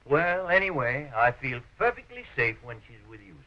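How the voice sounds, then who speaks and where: A man acting a protective, old-fashioned Southern father, formal and deliberate in a stagey 1920s film manner. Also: mid-range voice, sing-song, close to an everyday voice. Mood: concerned. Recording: dull, tinny 1920s film soundtrack.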